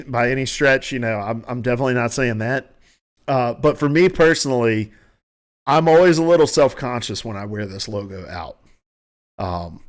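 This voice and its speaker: A man's voice: mid-range voice, a bit bright. A man with a noticeable country accent, hosting a podcast and giving casual, rambling, opinionated commentary from home, often restarting his sentences. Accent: Southern US country. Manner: rambling, self-correcting, opinionated. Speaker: podcast host.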